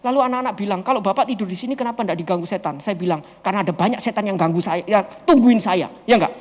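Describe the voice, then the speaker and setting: A man, a pastor answering questions from a group and telling a story in a lively, expressive way. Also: high-pitched, rapid-fire. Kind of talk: animated storytelling talk to a group. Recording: long hall reverb.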